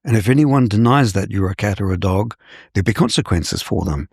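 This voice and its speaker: Older gravelly scholar from New Zealand. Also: male voice, fairly low pitch, animated, a little mellow, no room sound, studio quality. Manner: measured, professorial. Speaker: scholar guest. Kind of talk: interview.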